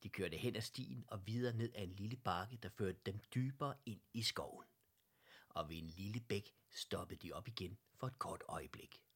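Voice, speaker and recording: A man reads a bedtime story aloud in a low, husky voice. He takes it gently and slowly and sometimes sinks into a hushed whisper. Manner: gentle, slow, slips into whispers. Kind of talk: reading a children's story aloud.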